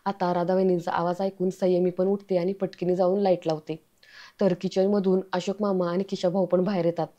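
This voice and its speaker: A woman's voice: on the low side, level tone, a little fast, mellow. A woman casually retelling a serial episode, chatting to her viewers like friends. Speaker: serial recap narrator. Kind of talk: casual storytelling recap. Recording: slightly dull lo-fi audio.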